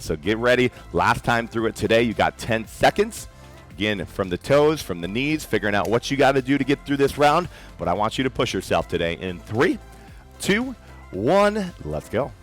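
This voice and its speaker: Low-voiced man coaching a workout. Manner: encouraging, motivational coaching. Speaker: fitness coach. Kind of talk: workout instruction with countdowns. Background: faint background music.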